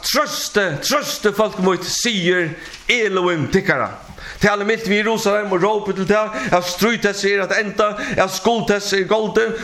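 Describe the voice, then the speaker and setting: A man with a high voice preaches a sermon in an echoey hall. He reads scripture aloud, stops often to hesitate, and draws call-and-response from his listeners. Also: a bit bright. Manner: preaching with call-and-response, halting with many fillers. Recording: echoey room.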